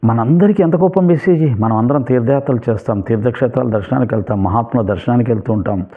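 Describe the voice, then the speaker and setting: Male spiritual teacher, mid-pitched voice, storytelling sermon, tinny phone-line sound. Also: quick pace. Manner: storytelling, lively shifts between calm and emphatic. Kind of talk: devotional discourse.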